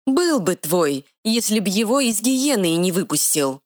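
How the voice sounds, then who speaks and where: A woman voicing a tiny, sharp-tongued female fairy guardian with quick retorts, in a dry close recording. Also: mid-range voice, very animated, dry recording, pitched above the performer's own voice. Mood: feisty.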